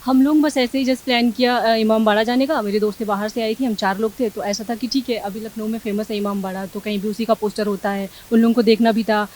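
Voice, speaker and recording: Fast-talking young woman. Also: a little high. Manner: animated, quick, acts out quoted exchanges. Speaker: interviewee. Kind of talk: news interview, recounting an incident.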